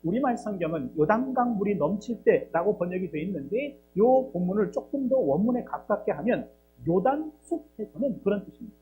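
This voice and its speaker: A man's voice: high-pitched, animated, a little fast, narrow, tinny audio, soft background music. A man preaching a sermon as pastor, acting out dialogue and asking rhetorical questions. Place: church.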